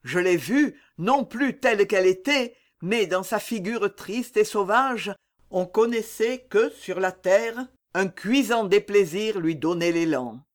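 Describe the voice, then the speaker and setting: Woman reading an old shepherd, awed and earnest, slow storybook delivery. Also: mid-range voice, animated, lightly acted. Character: old shepherd man telling a ghostly sighting.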